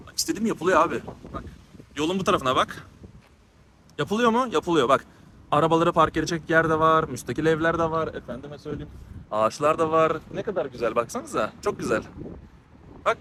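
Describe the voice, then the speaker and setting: A man's voice: fairly high pitch, lively intonation, a little fast, long pauses, bright, forceful tone. A man vlogging as he walks through a small town, out of breath and talking in a heated, ranting way that often repeats itself. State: out of breath from walking. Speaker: travel vlogger. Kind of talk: walking vlog monologue. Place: outdoors on town streets. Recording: noisy outdoor street recording.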